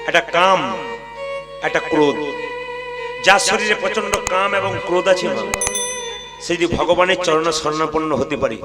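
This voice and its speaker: A man from West Bengal delivers a devotional kirtan sermon at a live gathering. His voice sits high and carries over steady music playing behind him. He keeps quizzing his listeners and slips into voices to act out his stories. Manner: animated, quizzes the audience, acts out voices in stories. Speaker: kirtan preacher.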